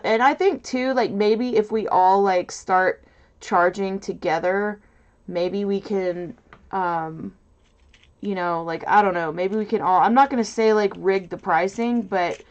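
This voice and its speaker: A woman hosting a casual crafting livestream in a loud, nasal voice, rambling and hesitant with lots of fillers, from a mic set off to her side. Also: mid-range voice, highs cut off. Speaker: livestream host. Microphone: mic set off to the side, away from camera.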